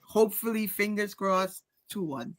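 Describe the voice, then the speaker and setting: A woman's voice: medium pitch, measured pace. A woman football fan on a panel, chatting casually with slangy banter. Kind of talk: casual chat.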